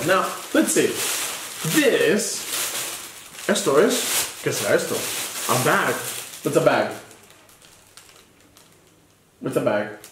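Patient bilingual male teacher, lively voice. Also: fairly high pitch. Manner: patient, spells words letter by letter; switches between English and Spanish. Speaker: English teacher. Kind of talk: bilingual one-on-one lesson. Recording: echoey room with background noise.

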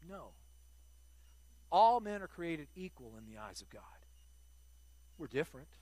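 A man's voice: a little high, big pitch swings, a little slow, mellow, no room sound. An older man preaching a sermon to his congregation, earnest and emphatic, often repeating words as he restarts a phrase.

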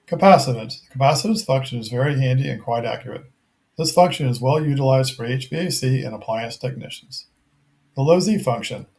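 Speaking in a mid-range, slightly mellow voice, a middle-aged man reads a scripted review of a tech product. He sounds methodical, measured and plainly factual.

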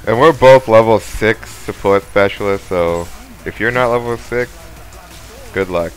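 A man's voice: fairly low pitch, unhurried, clean tone, soft background music. A young man co-hosting a casual gaming session, joking around and putting on a mock English accent. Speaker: gaming channel co-host.

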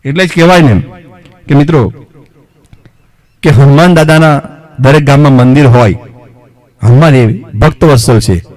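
A man's voice: medium pitch, normal speed, long pauses, a little mellow. A male mimicry comedian telling comic stories and often asking the audience questions. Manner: chatty, asks the audience questions. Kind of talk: comic storytelling performance.

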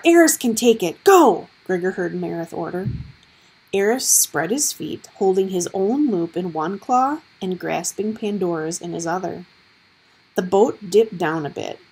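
A woman narrating an audiobook with expressive, husky storytelling. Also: medium pitch, low-quality recording.

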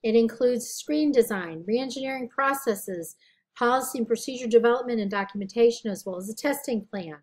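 A woman with a slightly high, scratchy voice delivers a recorded lecture. She talks in a casual, conversational way, correcting herself as she goes and asking questions she answers herself. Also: fairly quick, darkish tone. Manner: conversational, self-correcting, asks rhetorical questions. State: scratchy, tired voice. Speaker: college instructor.

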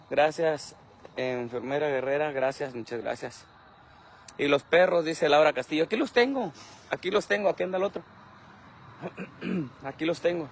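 A man's voice: fairly high pitch, slight background noise. A man, filming himself outdoors at night on a phone held at arm's length, complaining in an aggrieved, repetitive way. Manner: aggrieved, repetitive, talks to his dog. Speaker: social media creator. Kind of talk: selfie video rant.

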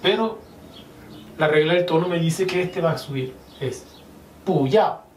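A man explains Chinese grammar in a patient teaching manner, pausing to repeat example phrases slowly. His voice sits a little high. The sound is roomy and echoey, with the mic some distance away and a faint hiss behind. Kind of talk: whiteboard lesson explaining grammar.

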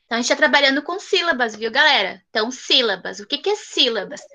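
This southern Brazilian primary school teacher has a high, bright, forceful voice. Teaching a class of small children by video call, she coaxes them affectionately and draws out her syllables.

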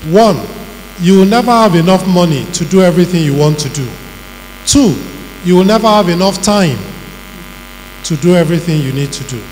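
A middle-aged man with a Nigerian accent giving a measured, emphatic public talk and listing his points one by one. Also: high-pitched, expressive, darkish tone. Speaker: panel speaker on governance. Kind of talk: public talk answering questions. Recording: reverberant hall with faint hum.

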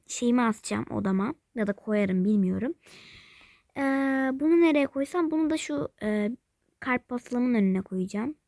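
A woman talks her viewers through a mobile game in a casual, rambling way, thinking aloud and calling them by pet names. Her voice sits a little high and often sinks into a whisper. The sound is dry and close, with no room echo. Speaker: game vlogger. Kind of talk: casual play-along narration of a mobile game.

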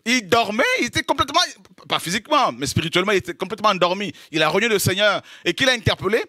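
A male preacher from the French Caribbean gives a loose, conversational sermon in a fairly high, bright, forceful voice. He jokes, laughs, keeps checking in with his listeners and slips into small acted-out scenes. The sound is dry and close. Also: animated, very fast, no echo. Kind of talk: informal sermon teaching.

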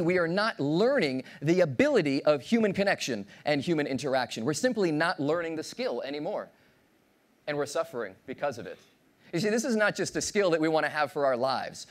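A man in his thirties delivers a keynote from a big conference stage, his voice swinging widely up and down as he jokes with the crowd. He pitches a little higher than most men and speaks through a body mic. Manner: animated, playful, audience-engaging, acts out voices. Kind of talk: motivational keynote speech. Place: large conference stage with audience.

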